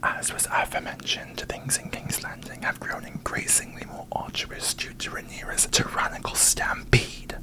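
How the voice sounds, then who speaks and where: Man whispering as prim queen Alicent Hightower. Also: normal speed, hardly any pauses, lightly acted, low-quality recording. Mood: haughty. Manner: formal, pompous, archaic wording. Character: prim, needy, aggrieved medieval queen, a woman. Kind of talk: whispered ASMR parody.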